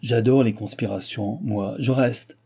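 A man's voice: mid-range voice, fairly even intonation, measured pace, warm tone, breathy edge. A man voicing a sly old duke at court, speaking with teasing irony. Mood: wry. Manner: teasing, ironic.

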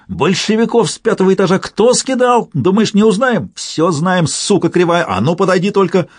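Shrill reckless teen gang leader, high girlish snarl, spits insults, voiced by a male audiobook reader, dry close sound. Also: lively intonation, brisk, breathy edge, dry recording. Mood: furious. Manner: snarling threats and crude insults. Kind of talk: audiobook character voice.

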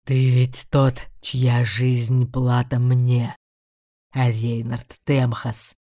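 A woman voicing a menacing, mocking male demon beast in an audiobook, drawing out his words in a slow growl. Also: a bass voice, level tone, dark tone, dry recording, studio quality, pitched below the performer's own voice, full character voice. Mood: taunting. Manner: slow, drawn-out growling delivery. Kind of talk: audiobook character voice.

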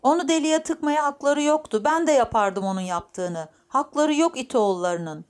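A woman voicing a boastful, foul-mouthed old grandfather in an audiobook, talking loud and full of swagger. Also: high voice, expressive, moderate pace, voice pushed up. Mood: blustering.

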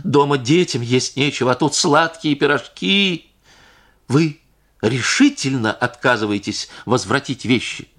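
A man's voice: medium pitch, moderate pace, fairly bright tone, pitched above the performer's own voice, natural voice. A male audiobook reader voicing a distraught, indignant noblewoman who pleads and accuses by turns. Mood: bitter. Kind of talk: audiobook character reading.

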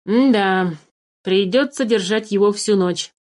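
A woman's voice: mid-range voice, slow, a little mellow, close to an everyday voice. A woman voicing a bold boy changeling who speaks bluntly and wryly, in a storybook reading.

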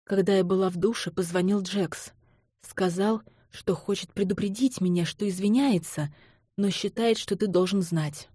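A woman reading the lines of a young woman who speaks softly and then cries out in desperation, in an audiobook. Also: medium pitch, normal speed, breathy edge, no room sound, studio quality, natural voice. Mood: quiet. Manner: soft voice breaking into pleading cries.

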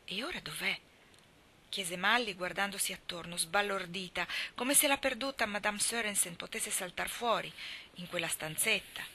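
A woman reading literary fiction aloud, her narration soft and hushed, often sinking into near-whispers. Her voice is very bright and crisp. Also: medium pitch, moderate pace, slight background noise. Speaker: reader.

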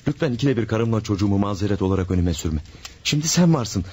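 An actor in a 1970s-style radio drama plays a married man consumed by infatuation, pleading with overwrought, impassioned feeling. He talks fast and animatedly in a lowish, darkish voice with a breathy edge.

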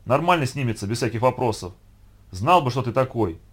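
A man's voice: mid-range voice, animated, brisk, slightly rough. Man playing a hot-tempered scolding mentor. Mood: irritated. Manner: scolding, exasperated. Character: irritable older colleague scolding a young man.

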